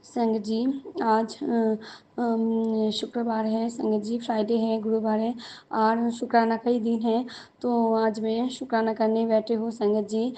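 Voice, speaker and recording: A hoarse woman from West Bengal giving a devotional thanksgiving testimony, repeating her thanks in a halting, prayerful way. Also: fairly high pitch, completely flat delivery, mellow. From West Bengal, India. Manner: repetitive, prayerful, halting with fillers. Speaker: devotee sharing a thanksgiving satsang.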